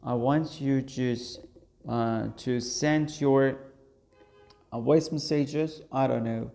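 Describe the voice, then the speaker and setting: A man whose first language is Persian teaches an online English lesson, working through the answers. He talks at an unhurried, halting pace with plenty of fillers, and his voice has a gravelly edge. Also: medium pitch, steady tone, dark tone, soft background music. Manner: slow, halting, many fillers.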